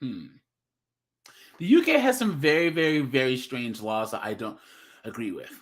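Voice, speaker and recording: A man's voice: medium pitch, lively intonation, normal speed. A young man giving casual reaction commentary as a streamer, chatty, laughing often and restarting his words as he reads.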